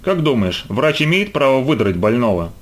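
A man voicing a brisk, teasing female dentist in a storybook reading, raising his voice for her. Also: mid-range voice, very animated, close to an everyday voice. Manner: brisk, lightly teasing questions.

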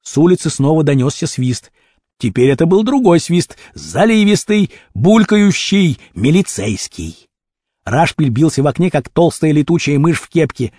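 Expressive husky male storyteller. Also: fairly high pitch, normal speed, no room sound, clean studio sound. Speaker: narrator. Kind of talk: audiobook reading of a children's adventure novel.

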